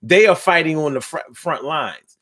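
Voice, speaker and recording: A fifty-year-old man hosting a call-in talk show. His voice sits a little high for a man, and he speaks with fervor, doubling back on words as he drives his argument home. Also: expressive, normal speed, a bit bright. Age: 50s. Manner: impassioned, repeats words when building a point.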